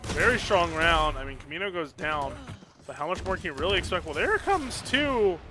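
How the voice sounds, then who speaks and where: A young man giving live play-by-play commentary on a student esports match, excitable and joking between plays. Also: a little high, background noise. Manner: excitable, quick reactions, jokes between plays.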